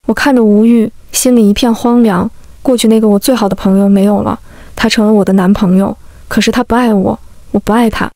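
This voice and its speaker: A woman reading a first-person emotional story as scripted narration, in a calm, steady manner. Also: mid-range voice, fairly quick, no echo, studio quality.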